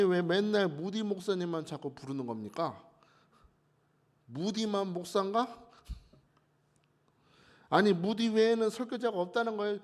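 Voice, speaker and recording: A man's voice: high-pitched, voice pushed up. A man voicing an indignant young male pastor who argues and protests in a sermon story. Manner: protesting, argumentative questioning.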